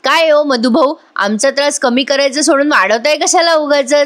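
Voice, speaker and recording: A woman voicing a scheming young woman who talks loudly and rudely, mocking the family. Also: normal speed. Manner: shrill, rude and mocking.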